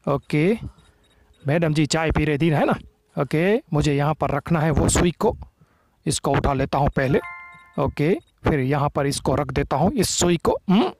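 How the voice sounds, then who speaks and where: A young man hosting a gaming channel, giving excited, teasing gameplay commentary full of playful taunts. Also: fairly high pitch, unhurried, slight background noise.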